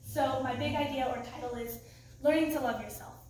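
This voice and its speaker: A woman's voice: sits high, fairly even intonation, fairly quick, darkish tone, slight background noise. A teenage girl giving an earnest, emotional testimony talk at a church youth group, laughing nervously between lines. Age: teens. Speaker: youth group student speaker. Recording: echoey room, mic far off.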